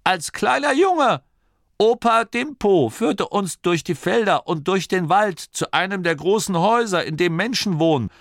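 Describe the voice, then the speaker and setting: A nervous, rambling old gnome man, as a male reader puts him on, who stammers and gets swept up in his own tales. His voice sits high and jumps around a lot. The audiobook sound is close and dry. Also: measured pace, vocal fry, no echo, exaggerated voice. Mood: insistent. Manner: excited, stammering storyteller.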